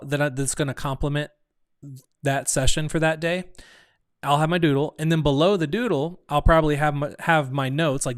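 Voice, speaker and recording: A man's voice: a little high, no room sound, clean studio sound. Chatty man hosting a live stream. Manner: rambling, thinks aloud with restarts. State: hiccuping. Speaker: community host. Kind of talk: casual live stream talk.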